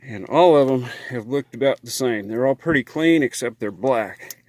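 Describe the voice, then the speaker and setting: An American man from the United States vlogs about RV living and repairs in casual, unscripted talk. He speaks at a moderate pace in a mid-range voice, folksy and rambling with plenty of homespun slang.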